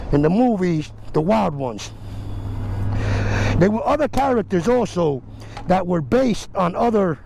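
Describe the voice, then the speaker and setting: A man's voice: high-pitched, vocal fry, darkish tone, slight background noise. A man giving casual, easygoing motovlog commentary, speaking from inside a helmet. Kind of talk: casual vlog commentary while out riding. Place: outdoors on city streets, motorcycle.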